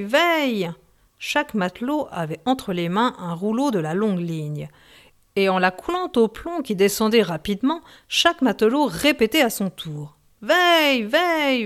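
Woman reading a sea novel aloud. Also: medium pitch. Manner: measured, expressive reading. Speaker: audiobook narrator. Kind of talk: scripted narration of a novel.

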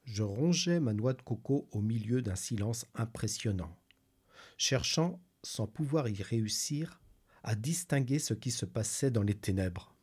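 Slow, husky male storyteller. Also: mid-range voice, expressive, darkish tone. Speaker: reader. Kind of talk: scripted narration of a novel.

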